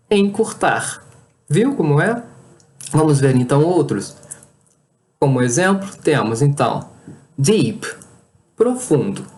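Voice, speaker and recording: An English teacher patiently walks through a language lesson at a slow, unhurried pace, with a very lively pitch. When spelling out word lists, she gives each word its own clear beat, one at a time.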